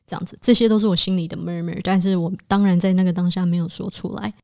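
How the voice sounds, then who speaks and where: A woman's voice: lowish voice, steady tone, fast, gravelly, a little mellow, dry recording, studio quality. A young woman, a resident physician hosting her own podcast, tells a story from her hospital work in a casual way, mixing English medical terms into her talk. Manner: conversational retelling that mixes in English medical terms.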